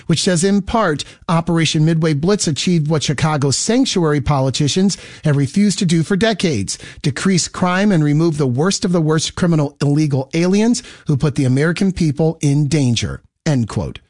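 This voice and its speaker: A male news anchor reading a scripted radio newscast in a measured, even delivery. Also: a little high, no echo, clean studio sound.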